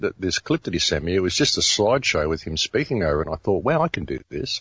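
A man's voice: a bass voice, fairly bright tone, husky, no echo, dull audio. A middle-aged Australian man, a radio host, telling his story in a casual interview with many restarts and fillers.

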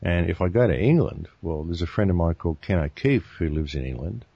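An Australian man, a guest on a talk show, telling a long travel story in a relaxed, rambling way with frequent restarts. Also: deep voice, brisk, gravelly, husky, no echo, lo-fi sound. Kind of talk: casual interview talk.

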